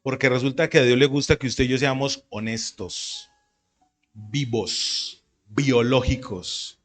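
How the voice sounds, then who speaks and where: A man preaching a sermon as pastor, with animated, conversational delivery and acted-out quotes. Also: mid-range voice, a little slow.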